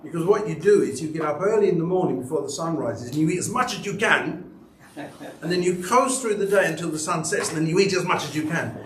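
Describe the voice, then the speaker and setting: A man's voice: a little high, lively intonation, fairly quick. A man preaching a sermon in a church, telling stories and asking rhetorical questions in a conversational way. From United Kingdom. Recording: roomy church sound, mic at a distance.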